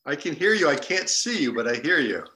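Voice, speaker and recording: A man hosting an interview podcast, friendly and conversational. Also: brisk. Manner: friendly, conversational, lively pitch. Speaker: podcast host.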